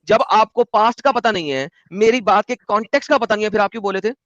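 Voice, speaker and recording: A man's voice: sits high, a bit bright, no room sound, lo-fi sound. A man hosting a live online debate who talks insistently, interrupts and repeats his phrases. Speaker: livestream debate host.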